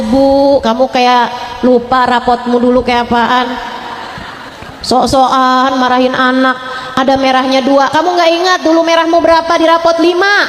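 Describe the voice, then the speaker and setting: A woman preacher giving a sermon to women, speaking frankly and teasingly as she addresses the mothers directly. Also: high voice. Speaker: Islamic preacher. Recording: echoey hall with long reverb, faint noise.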